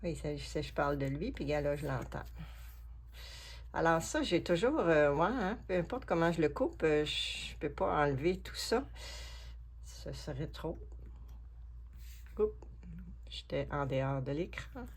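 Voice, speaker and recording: A woman with a Québécois accent and a low, deep-set voice talks through her collage work in a casual craft vlog. She muses aloud in an unhurried, chatty way, half to herself and half to her viewers. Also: animated, husky. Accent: Québécois French. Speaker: collage artist. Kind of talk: casual craft vlog, talking while working.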